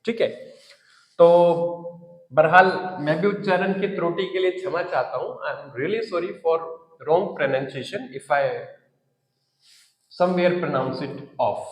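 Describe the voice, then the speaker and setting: A man with an Indian English accent teaching a spoken English lesson, repeating key words slowly and emphatically. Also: fairly high pitch. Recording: echoey room with long reverb.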